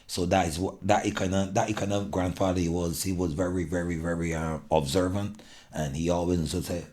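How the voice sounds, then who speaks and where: A middle-aged man with a Barbadian accent, a guest telling about his upbringing in an earnest, halting way with many restarts. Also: low voice, fairly even intonation, darkish tone. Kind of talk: casual interview.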